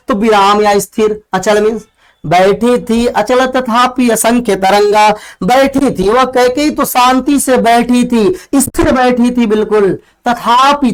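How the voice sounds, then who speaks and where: A male teacher lectures on a poem in a smooth, clear, rather high voice. He moves at an unhurried pace, going over phrases again and explaining word meanings simply.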